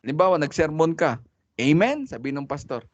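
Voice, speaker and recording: A man's voice: a little high, a little slow, no room sound. A man teaching a preaching class in a casual, chatty way, mixing Tagalog and English and laughing often. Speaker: homiletics teacher. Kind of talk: casual Taglish lecture on preaching. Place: church classroom. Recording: dry, dull lo-fi recording.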